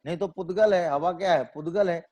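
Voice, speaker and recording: Male scripture lecturer, slightly higher voice, works through points with rhetorical questions and repetition. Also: brisk, dark tone. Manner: asks rhetorical questions and answers them himself; repeats and restates phrases as he reasons aloud. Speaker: Jain scholar lecturing on scripture. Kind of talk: explanatory religious lecture.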